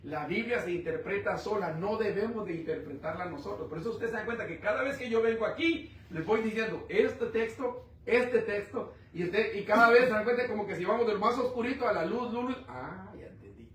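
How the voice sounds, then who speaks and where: A man preaching a sermon, asking the congregation rhetorical questions and swinging between loud and quiet. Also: high voice, lively intonation, brisk, few pauses. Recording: echoey room, mic at a distance.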